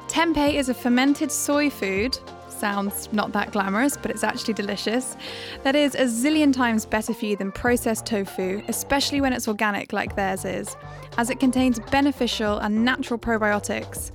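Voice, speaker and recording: A woman with a fairly high voice hosts a podcast, narrating a scripted introduction. Music can be heard with her voice. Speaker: podcast host.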